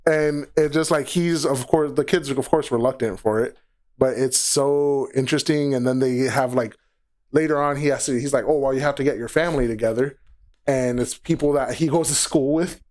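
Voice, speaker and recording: A man's voice: mid-range voice, normal speed, darkish tone. A man chatting as a podcast guest, rambling and restarting sentences as he explains a show he likes. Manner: rambling, restarts often, laughs. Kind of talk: casual podcast chat about anime.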